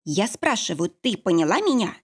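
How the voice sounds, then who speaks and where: Audiobook: hard-edged young woman giving orders, read by a woman, growling, with a lively voice. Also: medium pitch, moderate pace, husky. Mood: fierce. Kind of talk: audiobook character voice.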